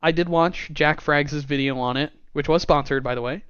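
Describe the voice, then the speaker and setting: A man's voice: a little high, normal speed, a bit bright, smooth, no room sound. A man co-hosting a gaming podcast in casual chat, laughing often and reading quotes aloud. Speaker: podcast co-host. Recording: dull dry podcast mic.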